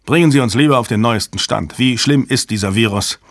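A man's voice: mid-range voice, a little fast, no echo, natural voice. A stern male intelligence director asks brief, cool questions, voiced by an audiobook reader. His tone is curt and commanding. The sound is dry and close.

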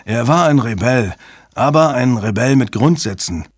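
A man voicing a large, excitable male systems chief who talks bluntly and crudely and shouts when panicked. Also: mid-range voice, moderate pace, no echo, clean studio sound, natural voice. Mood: agreeing.

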